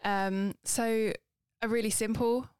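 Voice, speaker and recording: A woman's voice: on the high side, steady tone, slow, darkish tone, clean tone, dry recording, studio quality. A woman co-hosting a podcast, explaining things in a matter-of-fact way and laughing easily. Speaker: podcast co-host. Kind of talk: casual chat.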